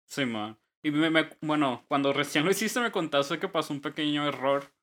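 A man hosting a casual podcast, relaxed and slangy, asking questions between short backchannels. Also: fairly high pitch, normal speed. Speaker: podcast host.

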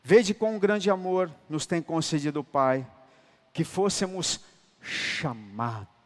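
An apostle preaches a sermon in a church hall where his fairly high voice rings out with a long echo. Speaking slowly with lively intonation, he shifts between loud, emphatic declarations and quiet, tender lines. He addresses the congregation colloquially, calling them brother.

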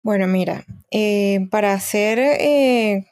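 A woman's voice: medium pitch, slow, darkish tone, no echo, clean studio sound. A woman guest on a podcast, telling her story thoughtfully and hesitantly, with many fillers. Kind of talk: casual podcast conversation.

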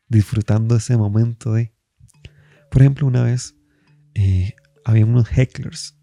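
Gravelly Costa Rican man, dark voice. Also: mid-range voice. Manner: relaxed, rambling with many fillers. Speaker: stand-up comedian. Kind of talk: casual personal storytelling.

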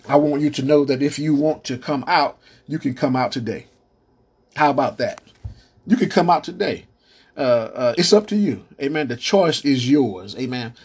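A man's voice: medium pitch, a little mellow, husky. A man preaching a podcast sermon, punctuating lines with amens and stammered restarts, calling out to the church.

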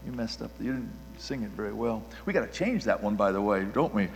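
A male pastor preaching a sermon with animated delivery, swinging between loud emphasis and hushed, quiet lines, often restarting and repeating words. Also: fairly low pitch, fairly quick, gravelly, in a large hall, slight background noise.

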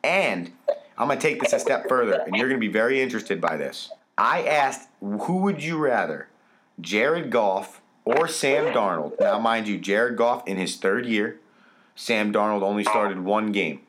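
A man's voice: lowish voice, animated, measured pace, noisy background. A man co-hosting a sports podcast, talking casually and emphatically, often repeating words for stress. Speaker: podcast co-host.

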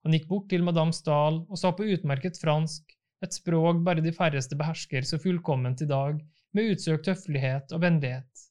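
A man reading a novel aloud as an audiobook narrator, calm and even. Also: fairly high pitch, few pauses.

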